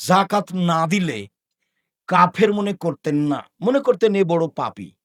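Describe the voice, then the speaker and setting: Older male preacher, scolding sermon, rhetorical questions, fairly high voice. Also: animated, slow. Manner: scolding, with rhetorical questions and sudden loud rises. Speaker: Islamic preacher.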